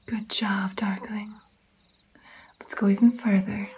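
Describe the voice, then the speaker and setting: A woman playing a gentle vampire mentor in an ASMR roleplay, soft, breathy and mostly whispered, coaxing and encouraging her pupil with pauses. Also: mid-range voice, flat delivery, close to an everyday voice. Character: gentle female vampire patiently training her new darkling. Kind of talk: ASMR personal attention roleplay.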